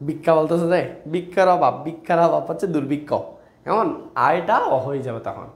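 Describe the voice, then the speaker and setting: A man's voice: fairly high pitch, animated, a little fast, reverberant. A young man teaching an online grammar class in a chatty way, repeating his questions and calling students brother. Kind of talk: online exam-prep class.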